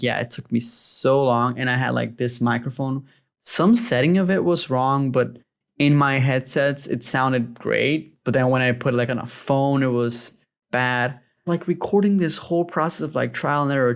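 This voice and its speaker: A man's voice: mid-range voice, steady tone, normal speed, vocal fry. A man from Brazil, a game developer casually telling his story in an interview, rambling and full of fillers.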